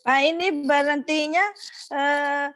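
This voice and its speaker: Woman from Sumbawa, Quran student, online call, slow hesitant reciter, apologetic. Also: high-pitched, level tone, noisy background. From Sumbawa, Indonesia. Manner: deferential, apologetic, recites slowly and haltingly. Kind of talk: online Quran reading lesson. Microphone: video call.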